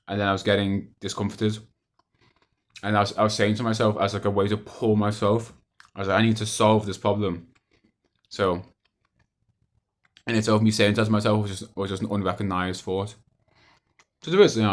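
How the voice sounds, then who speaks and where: Casting: young adult male vlogger, lower-pitched, casual and hesitant, loops back over his own phrases. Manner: hesitant, repetitive, with trailing thoughts. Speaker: video diarist. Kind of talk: casual rambling monologue to camera.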